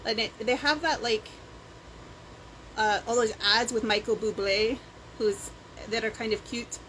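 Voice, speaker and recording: With a fairly high, fairly bright voice, even intonation and an unhurried pace, a woman with a Scottish-sounding accent chats casually as a home vlogger. She wanders off on self-deprecating tangents, captured on a handheld camera or phone in a rough home video with clear background noise.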